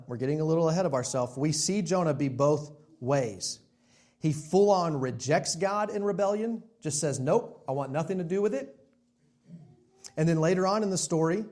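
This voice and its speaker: A man's voice: on the high side, a little mellow. A male pastor preaching a sermon in a church sanctuary in a conversational way, asking his congregation rhetorical questions.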